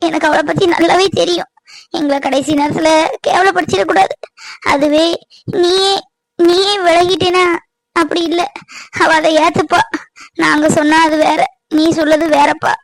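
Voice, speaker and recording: A woman plays a worried middle-aged village mother in a cartoon, speaking. Her voice sits high and her pleas come earnest and tearful. The recording is close and bone-dry. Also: no room sound, close to an everyday voice. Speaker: voice actor. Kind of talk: cartoon voice acting.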